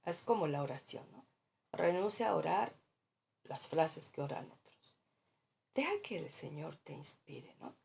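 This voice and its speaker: Husky gravelly woman pastor preaching. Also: deep voice, animated, a little slow, darkish tone. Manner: earnest, exhorting, often drops to a near-whisper. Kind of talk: sermon.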